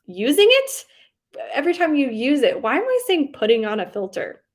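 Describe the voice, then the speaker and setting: Hosting a booktube livestream, a young woman with a high voice and huge pitch swings chats at a moderate pace while reading live comments. She rambles and giggles with plenty of likes and ums, and traces of a Southern US accent show up in some words.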